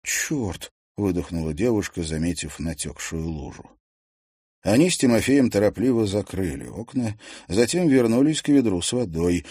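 A man narrating a story in an expressive, storytelling manner. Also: deep voice, breathy edge, no echo, clean studio sound. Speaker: audiobook narrator. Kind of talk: scripted narration.

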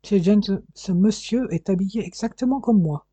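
A reader voicing a calm, wary English male detective who speaks in a measured way, in audiobook dialogue. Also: medium pitch, slightly rough, no echo, voice pushed up, lightly acted.

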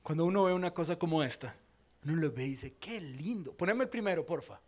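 A man preaching a sermon as pastor, animated and playful, acting out little scenes and firing questions at the congregation. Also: a little high, fast talker.

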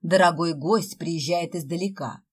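A playful, teasing man playing Father Frost, all mock-solemn jokes and theatrical complaints, as a woman narrator voices him. The voice sits low and a touch husky, in a storybook reading. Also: a little slow.

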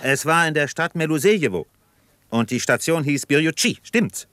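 An actor playing a calm, skeptical army doctor in a 1950s radio drama, speaking in a dry, soothing, probing way. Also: male voice, on the high side, moderate pace, dry recording.

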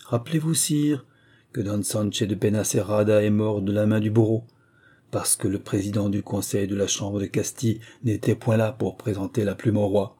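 Cold impassive monk, read by a man, formal, menacing, dark husky voice. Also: lowish voice, level tone, moderate pace. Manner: formal, coldly polite refusals. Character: calm, vengeful old male monk.

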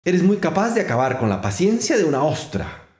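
A man's voice: on the high side, big pitch swings, a little fast, a little mellow, echoey room. A man voicing a sulky young crab daughter in a told fairy tale, harsh and talking back. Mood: snappish.

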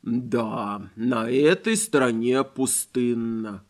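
A man voicing a huge, lonely cat-dragon in an audiobook, speaking slowly and deeply, with a hollow boom as if from inside a barrel. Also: a little mellow. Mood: solemn. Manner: slow, deep, drawn-out speech. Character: huge lone cat-dragon, slow, calm, solemn. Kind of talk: audiobook character voice.

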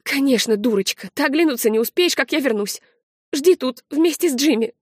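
A woman's voice: sits high, expressive, fairly quick, slightly rough, dry recording, clean studio sound, pitched above the performer's own voice. A woman reading an audiobook, voicing a panicked fourteen-year-old girl in an urgent, pleading voice. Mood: urgent, shaken.

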